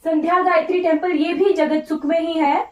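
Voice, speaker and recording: An Indian woman leads an online exam-prep class in an informal Hindi lecture sprinkled with English terms, her high voice steady in tone, at normal speed, and slightly off today. She is instructive and repetitive, hammering key points and checking comprehension with "right?". The lo-fi sound carries a roomy echo from a distant microphone.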